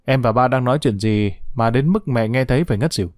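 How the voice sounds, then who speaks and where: Man doing a calm young husband, measured tone, storybook reading, dry close sound. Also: medium pitch, no room sound, lightly acted.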